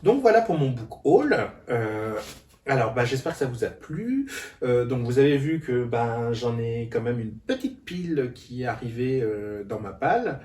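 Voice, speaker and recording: In a casual book haul vlog, a man with an expressive, darkish, medium-pitched voice speaks at a moderate pace but hesitantly, full of fillers and restarts. He's a bit far from the mic, so the room gives his voice a roomy echo.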